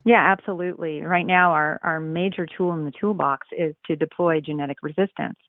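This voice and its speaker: A woman's voice: low-pitched, fairly even intonation, fairly quick, no echo. A woman researcher answering radio interview questions over the phone, explaining carefully with frequent ums and uhs. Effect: heard over the phone. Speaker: nematologist, interview guest. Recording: tinny phone line.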